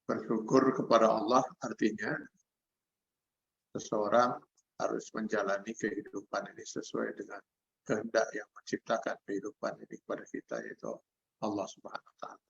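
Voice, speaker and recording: An older man with an Indonesian accent, an Islamic preacher, recites Arabic verses over a video call and then explains them. His voice is lowish, gravelly and husky yet fairly bright, animated, at a normal speed. The call audio is dull and lo-fi.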